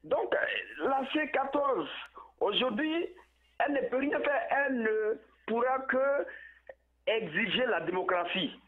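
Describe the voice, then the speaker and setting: Male phone-in caller heard over a thin, crackly phone line, higher-pitched, halting delivery with repeated words. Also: animated. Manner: halting, repeats words while searching for them. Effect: tinny phone line with poor connection. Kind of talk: political call-in commentary. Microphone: telephone.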